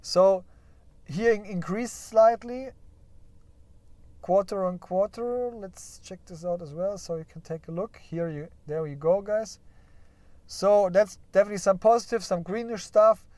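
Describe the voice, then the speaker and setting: A stock market streamer whose voice sits high and warm talks at a measured pace, with no echo. Sharing his screen, he ponders company earnings aloud in a chatty, hedging way, adding frequent "yeah?" and playful quips about crying over results.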